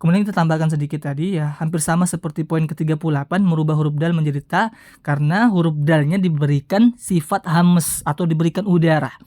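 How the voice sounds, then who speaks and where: Woman teaching recitation, slow repeated drills. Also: low-pitched, steady tone, no room sound. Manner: repeats phrases slowly to demonstrate, then explains briskly; gentle, often adds soft "ya". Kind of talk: tajwid lesson with slow demonstrations.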